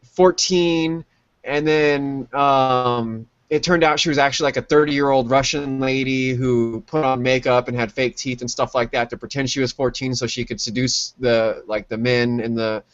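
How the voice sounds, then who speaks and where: A man's voice: medium pitch, fairly even intonation, moderate pace, clear, resonant tone, no room sound. A man co-hosting a podcast who rambles with lots of fillers and gives blunt opinions during casual chat. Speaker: podcast co-host. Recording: dry, dull lo-fi sound.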